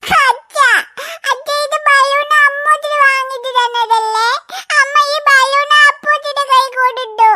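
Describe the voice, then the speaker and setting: A squeaky, piercingly bright cartoon girl, stubborn and possessive. She whines and sobs through her pleas, her tiny voice pitched extremely high and sharp. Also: a little slow, heavily acted. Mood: whiny stubborn. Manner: whining, crying pleas. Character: stubborn little schoolgirl, whiny and possessive. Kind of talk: cartoon voice acting.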